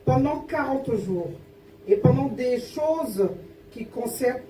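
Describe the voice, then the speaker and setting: A woman reading Bible verses aloud haltingly, stumbling and correcting herself. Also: sits high, lively intonation, warm tone. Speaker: scripture reader. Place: church service over a sound system. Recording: roomy, distant pickup with faint noise.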